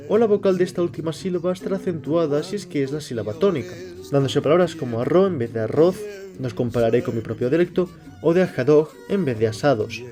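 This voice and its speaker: A man, reading a scripted explanation at a measured pace. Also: a little high. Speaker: channel host. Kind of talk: scripted narration.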